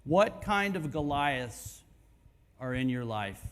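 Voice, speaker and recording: A man preaching a sermon at a men's conference in a church hall, emphatic and swinging from hushed to near-shouting. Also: mid-range voice, sing-song, slow, smooth.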